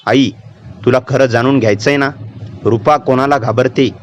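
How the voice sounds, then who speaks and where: A man's voice: medium pitch, moderate pace, slight background noise, natural voice. A man voicing a young girl possessed by a vengeful female spirit, speaking in a cold, taunting way. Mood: menacing. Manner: cold, menacing, calmly taunting. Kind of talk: storytelling narration.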